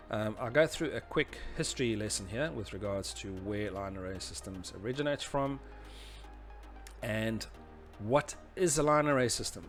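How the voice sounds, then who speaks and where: An instructor presenting a tutorial series gives an informal technical lesson, talking through slides and diagrams step by step. His medium-pitched voice is hesitant and conversational, and he often says "you know."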